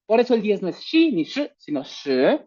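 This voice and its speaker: A woman teaching a language class online, slowing down to demonstrate each sound. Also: mid-range voice, sing-song, dark tone, dull audio.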